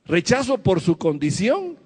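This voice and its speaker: A man's voice: sits high, huge pitch swings, measured pace, husky, long reverb tail. A man preaching a sermon to his church, asking the congregation questions as he goes. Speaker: pastor.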